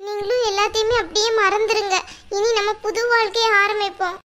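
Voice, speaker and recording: A woman voicing a gentle young wife who pleads softly in a cartoon. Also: very high voice, level tone, a little fast. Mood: pleading. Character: gentle young wife, hurt but hopeful. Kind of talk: cartoon voice acting.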